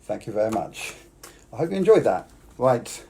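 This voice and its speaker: A man's voice: mid-range voice, big pitch swings, normal speed, vocal fry, a little mellow, slight background noise. A British man performing as a children's party magician on a live stream, talking boys and girls through tricks and coaxing them to join in. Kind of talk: live-streamed kids' magic show patter.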